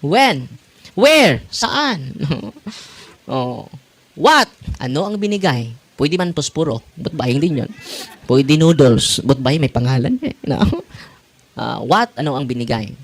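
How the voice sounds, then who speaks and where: Animated priest in his forties. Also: fairly high pitch, takes it slowly. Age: 40s. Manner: animated, laughing, switching languages. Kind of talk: sermon to parishioners.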